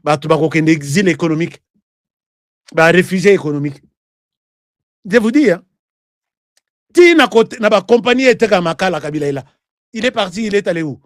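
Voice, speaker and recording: Speaking briskly but with long pauses, a Congolese-accented online political host with a high voice argues animatedly in a blend of French and Lingala. He pelts his viewers with rhetorical questions and emphatic repetition in a close, dry recording.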